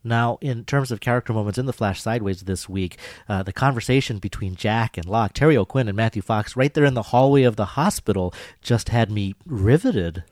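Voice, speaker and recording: A man's voice: fairly low pitch, fairly quick, hardly any pauses, darkish tone, dry recording, clean studio sound. A man co-hosting a podcast, eagerly picking apart a TV episode at length in casual chat. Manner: eager, analytical, talks at length. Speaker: podcast co-host.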